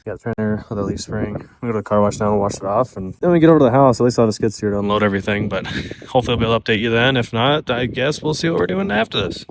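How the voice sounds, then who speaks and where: Talking at a racing pace in a low voice, this young DIY vlogger narrates his truck build as he works, casual, rambling and self-mocking, occasionally winded. He's recorded on a nearby propped-up phone camera, moving between the backyard and workshop, indoors and out, with background noise.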